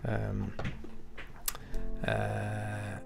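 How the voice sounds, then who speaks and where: Low-voiced man talking through his game. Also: monotone, drawn-out words, gravelly, over music. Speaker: game developer. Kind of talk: casual game commentary.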